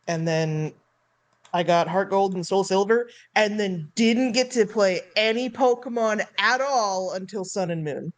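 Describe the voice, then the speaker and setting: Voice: mid-range voice, unhurried. A person chatting casually and eagerly on a stream about favorite games, rambling with lots of "like". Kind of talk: casual gaming chat.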